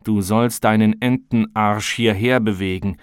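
A man's voice: on the low side, steady tone, measured pace, clean tone, dry recording, clean studio sound, natural voice. A man reading an audiobook voices a shy, stammering Russian man who sounds embarrassed. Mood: pleading.

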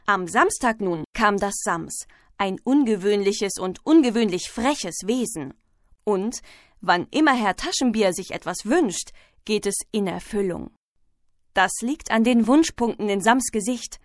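A woman reading a children's storybook aloud, clear and even. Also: medium pitch, measured pace, no echo, studio quality. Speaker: narrator.

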